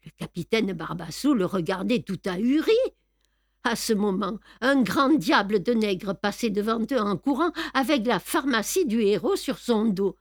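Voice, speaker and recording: Reading an audiobook, this woman tells the story in a deliberate, expressive way. Her pitch is medium, captured in a dry, studio-quality recording.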